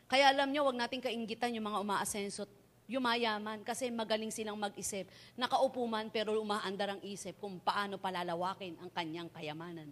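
High-voiced woman preacher. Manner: expressive preaching with repeated rhetorical questions and storytelling; switches between Tagalog and English. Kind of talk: sermon.

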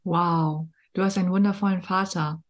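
A woman's voice: on the low side, fairly even intonation, normal speed. A woman hosting an interview, gushing and often hesitant, with many fillers. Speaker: interview host. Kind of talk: casual interview chat.

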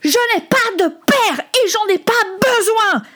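A woman voicing an angry, tearful boy who shouts at his father. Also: extremely high pitch, animated, slow pace, pitched above the performer's own voice, full character voice. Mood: furious. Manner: shouting, sobbing outbursts.

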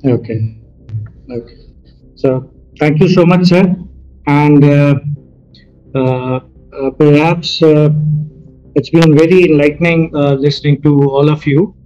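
A man moderating a formal panel, speaking in a halting, very polite and deferential way. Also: on the high side, fairly even intonation, mellow, lo-fi sound, faint music behind.

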